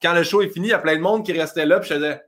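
A man with a Québécois accent hosting a casual podcast chat, quick and chatty, often laughing. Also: on the high side, fairly bright tone. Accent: Québécois French. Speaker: podcast host.

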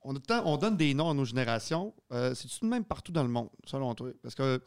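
Very low-voiced Quebec French woman host. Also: sing-song, brisk, a little mellow. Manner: playful, asks questions. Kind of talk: casual panel discussion.

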